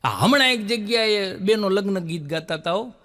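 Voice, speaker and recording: A middle-aged male comedian tells folk-style jokes in a high, bright, forceful voice. He jumps into the voices of his characters, then drops back into easy storytelling. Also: moderate pace, in a large hall. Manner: lively storyteller, acts out characters with pitch jumps. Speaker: stand-up comedian telling jokes. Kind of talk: Gujarati folk-style joke telling.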